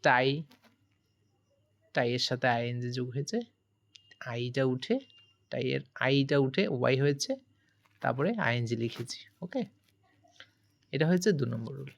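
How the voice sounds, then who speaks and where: A woman's voice: a bass voice, moderate pace, gravelly, long pauses. A woman teaching a grammar lesson, explaining each rule step by step, spelling words letter by letter and asking her students questions as she goes.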